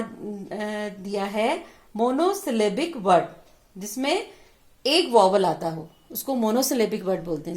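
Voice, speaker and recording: A woman teacher explaining English vowels, sounding out each word syllable by syllable and repeating it. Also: on the high side. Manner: mixes Hindi explanation with English words. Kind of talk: slow classroom lesson on vowel sounds.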